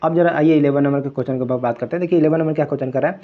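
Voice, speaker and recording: A young male tutor with a fairly high voice walks through exam answers one at a time. He repeats key phrases and slips English words into his Hindi. The audio is dull and lo-fi, like a home-recorded online class. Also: racing. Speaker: exam prep teacher. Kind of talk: explaining quiz answers.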